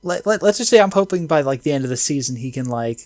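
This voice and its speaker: A man chatting casually about an anime episode, excitable and slangy, full of fillers. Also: a little high, quick pace, no room sound, clean studio sound. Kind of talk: casual anime review chat.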